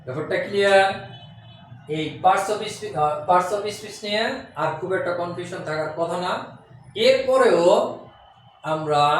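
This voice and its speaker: Echoey high-voiced man teaching. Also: slight background noise. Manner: explains step by step, sounds out syllables slowly. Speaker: English teacher. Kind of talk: classroom lesson explanation. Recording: very echoey room.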